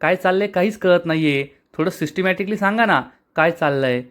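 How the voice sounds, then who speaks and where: A bewildered man of the house asking for a clear explanation, as a man reads him. He sounds mild and confused. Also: high-pitched, fairly quick, a bit bright, voice pushed up. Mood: puzzled. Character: puzzled middle-aged man of the house.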